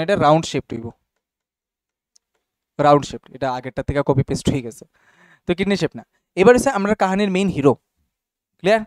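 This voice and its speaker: A man's voice: on the high side, no echo, studio quality. A young man teaching a class casually and often checking whether students follow. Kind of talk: classroom biology lesson.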